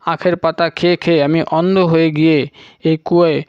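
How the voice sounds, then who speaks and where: A man's voice: fairly high pitch, little pitch movement, moderate pace, clean tone, dry recording, lightly acted. A man voicing a devoted young male disciple, humble, obedient and earnest. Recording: dull lo-fi recording.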